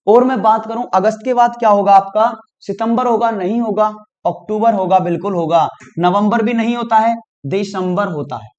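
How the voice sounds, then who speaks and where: A man's voice: sits high, moderate pace, few pauses, darkish tone, highs cut off. A male teacher working through exam reasoning questions, guiding students step by step and checking in with them as he goes. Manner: talks students through each step, often says "dekhiyega" and "theek hai ji". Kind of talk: exam prep lesson.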